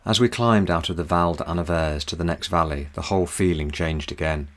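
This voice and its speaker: Very deep-voiced male narrator. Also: moderate pace, a little hiss or hum. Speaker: narrator of a mountaineering vlog. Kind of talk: scripted voice-over narration.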